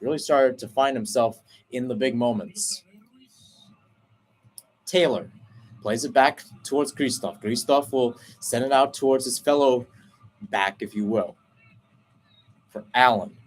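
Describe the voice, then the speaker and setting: A male play-by-play commentator calls a soccer match on the radio in a brisk, flowing style, correcting himself and pausing to explain tactics between plays. His pitch jumps sharply whenever a chance opens up, and the audio quality is poor.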